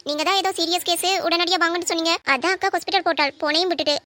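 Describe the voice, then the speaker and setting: A worried younger sister from a cartoon, played by a woman, polite and anxious. Her voice is very high and quick. The tone is bright. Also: steady tone. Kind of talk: cartoon voice acting.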